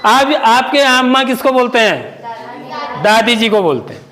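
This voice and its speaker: A male school teacher in a classroom, teaching children and quizzing the class, repeating each word slowly. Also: very high voice, very animated, sharp tone, some chatter behind, rough recording. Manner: asks the class questions and repeats words slowly.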